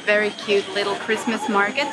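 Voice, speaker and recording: A woman's voice: medium pitch, level tone, fairly quick, heavy background noise. A Finnish woman, Finnish-speaking by birth, chatting upbeat and playful to a handheld camera while walking through a mall and eating out. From Finland. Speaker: travel vlogger. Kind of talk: casual vlog talk to camera. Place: busy shopping mall and restaurant, indoors. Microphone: action camera held at arm's length. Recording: loud crowd and music behind.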